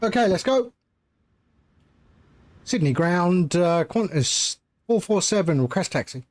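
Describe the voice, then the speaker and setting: A man's voice: sits high, animated, a little slow, a little mellow. A man streaming a flight simulator as a pilot, casually talking himself through procedures and making radio calls. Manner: talks himself through steps.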